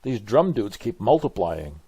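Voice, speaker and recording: A man's voice: lowish voice, big pitch swings, unhurried. An older man with a grandfatherly, hesitant manner, musing aloud in casual reaction commentary. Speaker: video host reacting to a game trailer. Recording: music behind the voice. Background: music from a game trailer.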